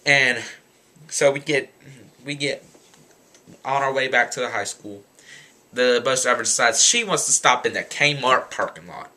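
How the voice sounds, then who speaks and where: A young man in his late teens telling a story in a casual rant, animated and exasperated. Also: mid-range voice, a little slow, long pauses. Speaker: vlogger.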